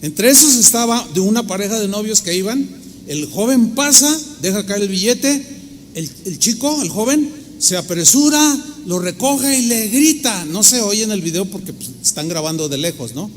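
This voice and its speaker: A man's voice: high-pitched, animated, moderate pace. A man with a Mexican accent preaching a sermon as a pastor, telling stories emphatically and acting out the voices he quotes. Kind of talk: storytelling sermon. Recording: reverberant hall, faint noise.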